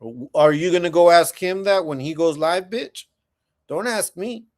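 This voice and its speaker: A man's voice: on the high side, animated, normal speed. A man hosting a livestream, ranting bluntly and profanely while answering chat comments in a confrontational, mocking way. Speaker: livestream host.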